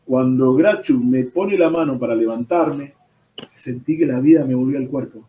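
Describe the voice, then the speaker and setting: A man's voice: mid-range voice, moderate pace, muffled recording, slight background noise. Argentine pastor telling his story, roomy sound. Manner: storytelling, fillers like "¿viste?". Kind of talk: personal testimony in an interview. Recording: roomy echo, distant from the mic.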